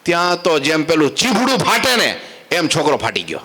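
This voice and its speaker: A man preaching, telling folk tales to children in an animated, joking style. His voice is bright and forward, pitched a little above the usual male range. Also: a little fast. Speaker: preacher at a temple assembly. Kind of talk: humorous storytelling sermon to children.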